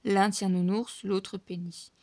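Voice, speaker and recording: A woman reading a children's storybook aloud in an expressive, lively way. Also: medium pitch, takes it slowly, no echo. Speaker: storybook reader.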